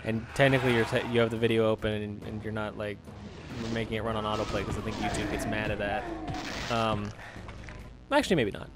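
A man's voice: fairly low pitch, level tone, fairly quick, over music. A young man co-hosting a casual gameplay commentary, rambling and joking with frequent laughs. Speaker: co-host of a gaming channel.

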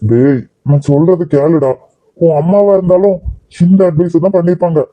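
A man's voice: a little high, fairly even intonation, normal speed, dry recording, dull audio, lightly acted. A man voicing a protective young male friend in a cartoon drama, scolding and lecturing in Kanyakumari Tamil.

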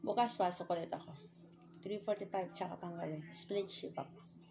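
A woman's voice: lowish voice, steady tone, moderate pace, creaky, noisy background. A woman vlogger from the Philippines chatting casually to viewers while eating, talking with food at her lips. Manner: chatty, addresses viewers as guys. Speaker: mukbang vlogger.

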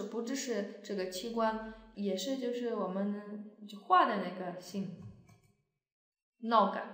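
A woman teacher with a Polish accent leads a slow, patient language drill, repeating each word so learners can follow. She speaks unhurriedly at a mid pitch, and her voice rings in a roomy, echoey space. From Poland. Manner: patient, repeats words slowly for learners to copy.

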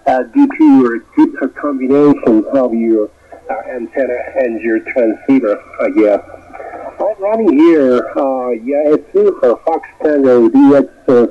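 Over noisy, dull shortwave reception, a man with a Japanese accent and a medium-pitched voice makes an amateur radio contact. He speaks haltingly and politely, using formal courtesies and phonetic spelling.

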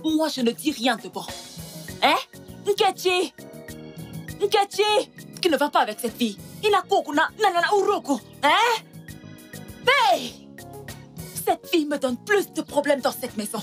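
A woman's voice: sits high, expressive, normal speed, faint music behind. A stern, scolding village mother. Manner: scolding, loud outbursts. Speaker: dubbing actor. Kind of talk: French film dub.

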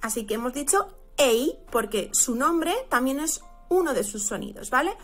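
A woman from Spain teaching English pronunciation, drawing out each example word slowly. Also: sits high, lively intonation, soft background music. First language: Spanish. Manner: slow, drawn-out model words. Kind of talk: pronunciation lesson.

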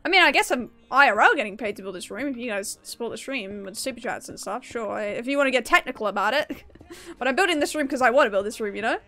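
A woman's voice: a little high, lively intonation, fast, bright, forceful tone, faint music behind. A young woman streaming a game, chatting casually and upbeat with her viewers and laughing often. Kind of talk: casual live-stream chat while gaming.

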